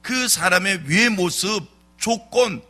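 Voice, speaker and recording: A man's voice: sits high, expressive, slow, pushed and bright, faint music behind. A male pastor preaching a dawn sermon, driving points home with repeated rhetorical questions. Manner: rhetorical questions, emphatic repetition. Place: church sanctuary.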